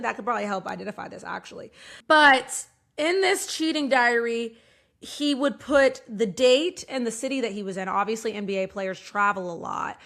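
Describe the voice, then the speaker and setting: Bright-voiced giggly woman podcast host. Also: a little high. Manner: giggly and profane, reading aloud with running asides. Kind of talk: casual live show chat.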